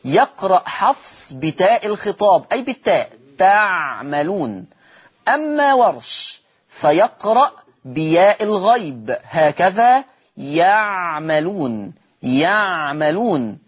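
On a TV lesson, an Egyptian-accented man teaches the rules of Quran recitation in a high, sing-song voice with a breathy edge, at normal speed. He repeats and stretches each example word and answers his own questions.

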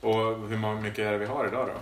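A man's voice: on the low side, steady tone, slight background noise. A Swedish man co-hosting a casual chat podcast, playful and chatty. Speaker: podcast co-host. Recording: roomy room, rain on window.

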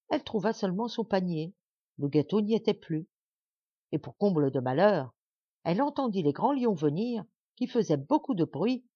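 A woman narrating a fairy tale as an audiobook reader, in an expressive, animated way. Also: lowish voice, slightly rough, dry recording, muffled recording. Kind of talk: scripted storybook narration.

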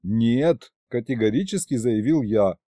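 Man narrating an audiobook, lively expressive delivery, slightly high, mellow tone, dry close recording. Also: normal speed, dry recording. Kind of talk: first-person audiobook narration.

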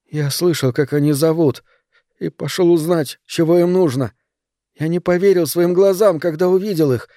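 A man's voice: on the high side, normal speed, warm tone, dry recording, studio quality, voice pushed up, natural voice. A man voicing a terrified nine-year-old boy in shock, pleading in a shaky voice. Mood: shaken.

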